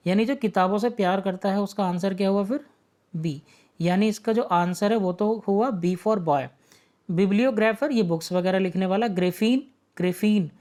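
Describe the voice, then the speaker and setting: A man's voice: high-pitched, a little mellow. A male teacher walks students through an online exam-prep vocabulary lesson. He explains each word patiently, poses rhetorical questions and answers them himself, and keeps checking that his students are following along.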